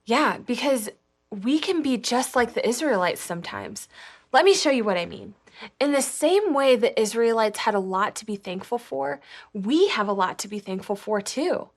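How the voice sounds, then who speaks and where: High-voiced woman presenting a kids' lesson. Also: expressive, normal speed. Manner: upbeat and encouraging, addressing kids directly. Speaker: children's church presenter.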